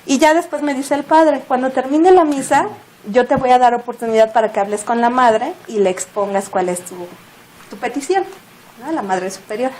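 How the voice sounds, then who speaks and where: A woman with a Mexican Spanish accent, a guest telling a story in casual chat, animated and laughing as she acts out what people said. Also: sits high, moderate pace, slight background noise.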